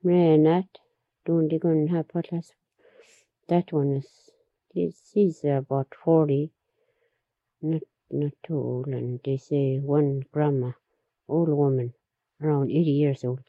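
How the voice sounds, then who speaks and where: Woman storyteller, low husky voice, slow unhurried telling, muffled dry recording. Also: steady tone, dry recording. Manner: unhurried, repeats herself, laughs between stories. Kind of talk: oral history storytelling.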